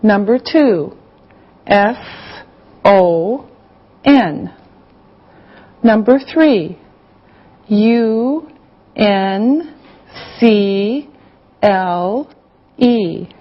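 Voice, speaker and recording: This scripted classroom lesson features a woman acting as a supportive English teacher who clearly articulates instructions and dictation. She speaks at a medium pitch, animated yet patient and instructive, stretching her words and pausing often. The lo-fi audio is slightly dull.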